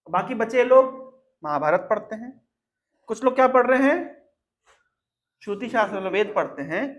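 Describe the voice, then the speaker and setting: A man giving a devotional discourse in Hindi, explaining a Sanskrit verse by asking and answering his own questions, and chanting it slowly for listeners to repeat. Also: very high voice. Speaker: Vaishnava preacher.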